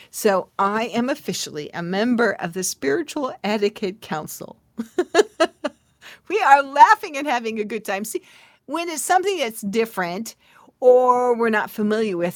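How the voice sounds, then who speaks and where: A woman's voice: on the high side, dry recording, clean studio sound. A middle-aged woman hosting a podcast, talking casually and playfully to her listeners and dropping into whispers for emphasis. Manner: playful, chatty, talks straight to listeners with asides and laughs. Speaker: podcast host.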